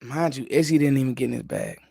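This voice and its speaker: A man hosting his own show, giving casual, animated football analysis that sometimes drops to a whisper. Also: mid-range voice, fast talker, gravelly, slightly rough, no echo, studio quality. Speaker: sports podcast host.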